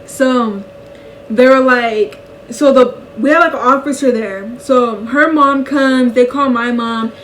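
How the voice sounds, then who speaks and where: Young woman, casual story time, slangy and lively, somewhat high voice, a bit far from the mic. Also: takes it slowly. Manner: animated, slangy, laughing often. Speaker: vlog co-host telling a story. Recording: voice a bit off-mic with faint noise.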